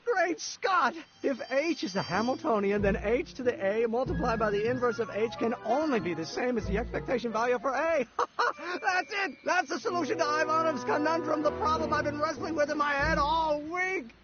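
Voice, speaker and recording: An actor playing a young, stiff and excitable law clerk who mutters about science, in a video game. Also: male voice, very high-pitched, a little fast. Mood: elated. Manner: muttering equations, excitable outbursts. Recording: dull lo-fi game audio with music.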